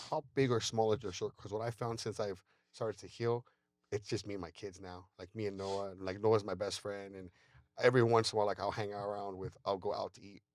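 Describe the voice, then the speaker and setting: A podcast host with a lowish voice talks candidly in a casual conversation, reflecting on himself and often restarting what he says. The recording has no echo.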